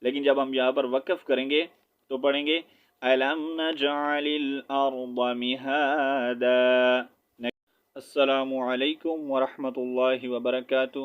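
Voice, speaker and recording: A man with a Pakistani Urdu accent teaching Quran recitation online, patiently spelling out syllables and reciting slowly with frequent "theek hai". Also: mid-range voice, little pitch movement, muffled recording.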